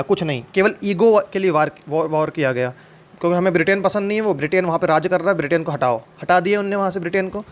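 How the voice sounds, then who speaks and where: A man explaining a history lesson in a conversational way, asking questions and answering them himself, with English terms mixed in and frequent restarts. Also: high voice. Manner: conversational, asks and answers his own questions. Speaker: teacher.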